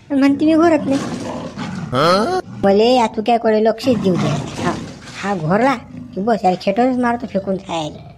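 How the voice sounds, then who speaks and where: A man with a Varhadi Marathi accent playing a quarrelsome village farmhand in a comedy sketch, talking in rustic banter. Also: very high-pitched. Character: bickering sleepy village farmhand, male. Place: outdoors in a village field.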